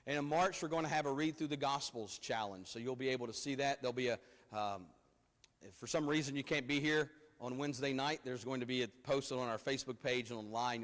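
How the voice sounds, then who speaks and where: A man preaching a sermon at a pulpit microphone in a church, in a conversational way with frequent repeated words. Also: medium pitch. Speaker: pastor. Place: church sanctuary. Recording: long reverb of a church hall.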